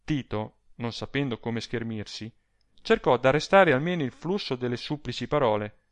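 A man narrating a story in a calm, even audiobook reading. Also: mid-range voice, moderate pace, dry recording.

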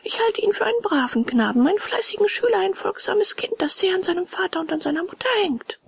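Woman doing a squeaky wooden puppet boy, gravelly, naughty and fretful, swooping lively pitch, dry close sound. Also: fast, no echo, exaggerated voice. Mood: fibbing eagerly.

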